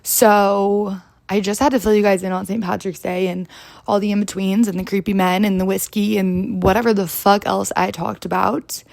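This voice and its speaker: A young woman hosting her podcast with a hoarse, gravelly rasp to her voice. She rambles in a chatty, casual way, dropping "like" constantly. The sound is close and dry. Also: mid-range voice, level tone, brisk, darkish tone, dry recording. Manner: chatty, rambling, heavy use of "like". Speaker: podcast host. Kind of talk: casual solo chat.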